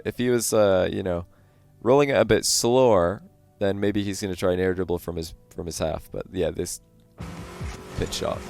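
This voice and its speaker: A man giving relaxed, casual coaching commentary on a game replay, with frequent fillers. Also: fairly low pitch. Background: faint lo-fi background music.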